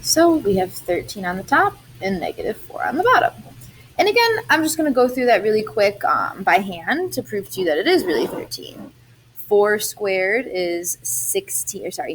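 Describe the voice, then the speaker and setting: A woman's voice: mid-range voice, very animated, moderate pace, slight background noise. A young adult woman, a math teacher, explaining algebra step by step in a chatty recorded lesson.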